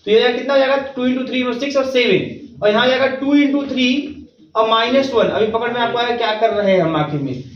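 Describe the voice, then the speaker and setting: A man with a high voice teaches a math class. He walks through each step slowly and keeps asking if everyone is following. He sounds echoey and set back from the mic, and the recording is a little dull. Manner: reassuring, repeats checks like "theek hai na". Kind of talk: classroom lecture. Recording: roomy, distant, dull recording.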